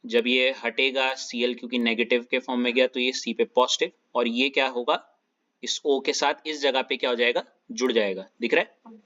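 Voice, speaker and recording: तेज़ और चमकीली आवाज़ वाला रसायन शिक्षक, धीमी दबी recording. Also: male voice, medium pitch, fairly even intonation, moderate pace, bright, forceful tone, highs cut off. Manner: explains step by step, checks students often. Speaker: chemistry teacher. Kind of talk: online class lecture.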